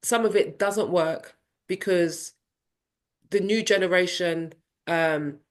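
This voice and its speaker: A woman's voice: on the low side, slow pace. A woman in her fifties, a parenting coach, telling her personal story in an interview in a candid, reflective way and acting out family voices. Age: 50s. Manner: animated, acts out family dialogue in voices.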